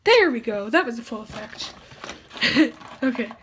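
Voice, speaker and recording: Teen girl vlogger, chatty and giggly, slightly high-pitched, faint noise on the recording. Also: expressive, a little slow, a bit bright. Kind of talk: casual show-and-tell.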